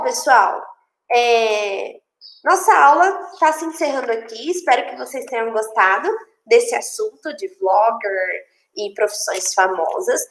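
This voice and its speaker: A woman with a Brazilian accent, teaching English to children in an online class and explaining each line in Portuguese in a lively way. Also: a little high. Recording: echoey room.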